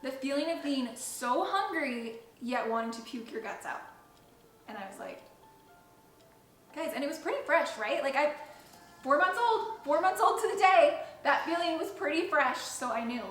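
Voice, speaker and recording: A woman's voice: high voice, sing-song, normal speed, a bit bright. A young woman chatting casually to camera as a co-host, candid and playful, with dramatic emphasis. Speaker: video creator, co-host. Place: indoors at home. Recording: roomy echo, faint music behind.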